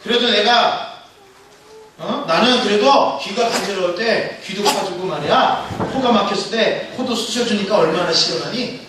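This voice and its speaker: Story voice: man voicing a scrappy little pinky, defiant and high, distant in an echoing hall. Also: normal speed, background noise, lightly acted. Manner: defiant, defensive. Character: small pinky finger, defensive underdog. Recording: echoey hall from far off.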